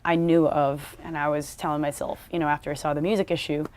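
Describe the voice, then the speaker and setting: Smooth, low-voiced young woman. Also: fast. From born in the Philippines, grew up in New York. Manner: relaxed, upbeat, uses fillers like "like" and "you know". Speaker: musician guest. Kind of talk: casual interview chat.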